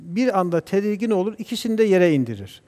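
A man speaking as a guest scholar on a religious TV program, talking in a measured, preacher-like way and reciting Arabic verses. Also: high-pitched, sing-song, a little mellow, in a large hall. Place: TV studio.

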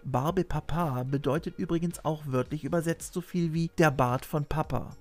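A scripted video essay is hosted and narrated by a middle-aged man whose voice is on the high side, delivered at a normal pace. The recording, made on a desk microphone in a small indoor room with shelves along the walls, has music playing beneath it.

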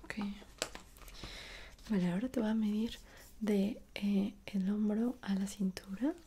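A young woman with a Mexican accent in a whispered role-play as a dressmaker, speaking softly and attentively straight to the listener. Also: mid-range voice, a little hiss or hum. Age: young adult. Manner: soft, unhurried, attentive, speaking directly to the listener. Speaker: ASMR performer playing a dressmaker. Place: small indoor room at home.

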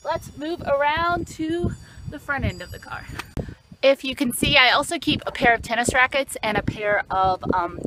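There's heavy noise in this outdoor vlog, where a young woman with a fairly high voice chats beside her car's open trunk on a sunny street. It's casual show-and-tell, peppered with ums and false starts, captured by a camera right in front of her.

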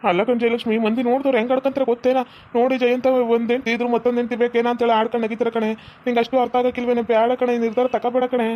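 A man with a North Karnataka Kannada accent, voicing a husband in a home cartoon, pleading in a rapid, even way. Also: extremely high pitch, muffled recording. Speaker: voices the husband character. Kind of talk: cartoon voice acting.

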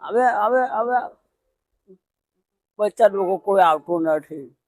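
Halting, high-voiced elderly man. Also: expressive, dry recording. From Pavagadh, Gujarat. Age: older. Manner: halting, repetitive, plaintive. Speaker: interviewee. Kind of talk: emotional conversational interview. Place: outdoors by a roadside hut.

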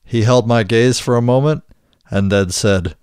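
A man's voice: mid-range voice, measured pace, a little mellow, clear, resonant tone, no room sound, clean studio sound. A man co-hosting a podcast in casual chat, reading book passages aloud and restarting his sentences often. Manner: hesitant, many restarts and fillers. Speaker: podcast co-host.

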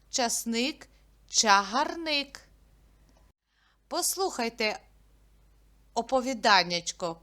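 Slow, bright-voiced woman teacher. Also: fairly high pitch. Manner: slow, clear, patient teaching with sounds drawn out. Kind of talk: early literacy lesson for young children.

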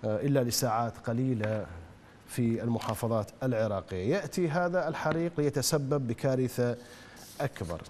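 Brisk call-in show host. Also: male voice, medium pitch, darkish tone, big-room sound, a little hiss or hum. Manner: brisk, reads messages, greets callers.

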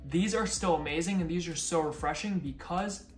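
A man's voice: a little high, normal speed. Upbeat young man in an echoey room. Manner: upbeat and chatty, talking while chewing. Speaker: food vlogger. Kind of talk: casual chat to camera. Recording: echoey room with faint music.

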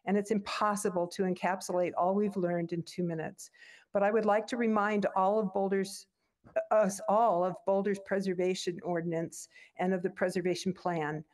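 A woman's voice: medium pitch, a little mellow. An older woman and former landmarks board chair calls in remotely over a video link and reads an earnest, formal public comment that includes a long quoted passage. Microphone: remote video call.

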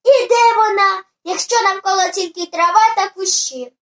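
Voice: very high voice, moderate pace, fairly bright tone. A reader voicing a curious, puzzled young girl in a storybook. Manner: questioning, puzzled.

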